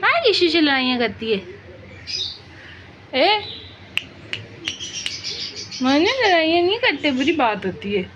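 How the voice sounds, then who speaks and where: A woman's voice: high voice, sing-song, slow pace, long pauses, muffled recording. A woman with a Pakistani Urdu accent talking to her pet parrot in a casual home vlog, scolding and coaxing it in a singsong voice. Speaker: home cooking and pet vlogger. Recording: noisy home clip with bird chirps.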